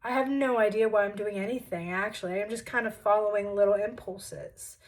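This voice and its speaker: Young woman in her 20s, casual vlog, chatty and self-deprecating, kinda animated. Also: medium pitch, a little fast, poor audio. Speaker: vlogger. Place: childhood bedroom at home.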